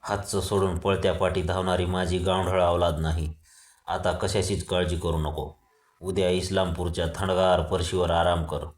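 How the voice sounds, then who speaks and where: A man reading the lines of a stern male police inspector who talks loudly and harshly and mocks the man he arrests. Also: low voice, little pitch movement, moderate pace, roomy sound, close to an everyday voice. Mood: mocking. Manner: loud, harsh, mocking.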